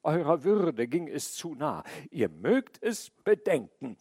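A talkative crow pours out his sorrow in a wailing, pleading lament, as a man reads him. The telling is slow and drawn out, close and dry with no room sound, like an old storybook fable. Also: a little high, very animated, a little mellow, slightly rough, dry recording, heavily acted.

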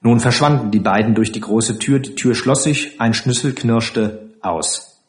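A man reading a literary story aloud in an expressive way. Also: mid-range voice, measured pace, roomy sound. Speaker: reader. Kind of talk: audiobook narration.

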